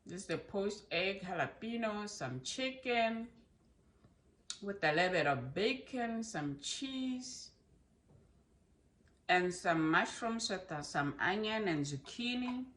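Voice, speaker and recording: A food vlogger speaks slowly and expressively at medium pitch with a somewhat bright voice. She chats casually in a mukbang, chewing as she talks and humming while she savours her food.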